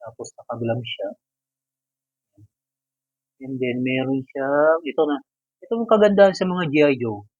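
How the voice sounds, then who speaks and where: A man's voice: medium pitch, lively intonation, moderate pace, pauses often, darkish tone, slightly rough, dry recording, lo-fi sound. A man casually reviewing and unboxing an action figure, chatty and joking, with English words mixed into his talk. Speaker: toy reviewer.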